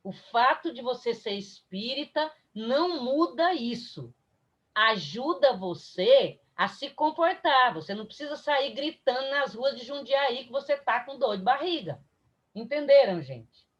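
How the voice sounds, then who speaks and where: A woman with a Brazilian Portuguese accent gives an online spiritist lecture in a high, expressive voice at a measured pace, and the sound is lo-fi. She is incisive, emphatic and direct, speaking straight to her audience.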